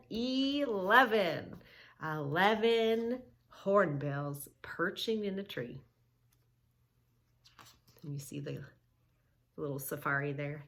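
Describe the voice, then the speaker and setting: A yoga teacher reads a children's book aloud, weaving in movement instructions and counting, and encourages young listeners with questions, repetition and simple directions. Her voice is on the low side with a fairly bright tone.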